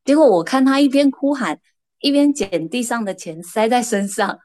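A woman, a guest casually telling lively stories. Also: a little high, moderate pace, a little hiss or hum. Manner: lively anecdotal, shifting pace. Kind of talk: casual storytelling.

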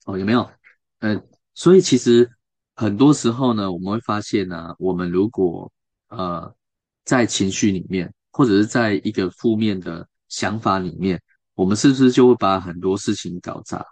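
A man's voice: lowish voice, normal speed, darkish tone, no echo. A man with a Taiwanese Mandarin accent hosting a radio show, chatting casually about a book with many fillers and restarts and putting questions to his listeners.

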